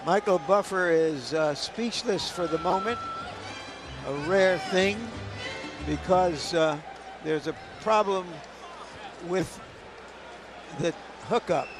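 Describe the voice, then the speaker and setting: A man giving live boxing commentary in measured, halting phrases. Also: high voice, music in the background. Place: ringside in large arena. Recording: clear arena noise behind voice.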